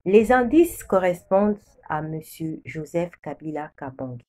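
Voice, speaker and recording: With a lowish, dark voice and a measured pace, a Congolese woman gives an expressive prophetic testimony. As a preacher sharing what was revealed to her, she makes solemn declarations over and over.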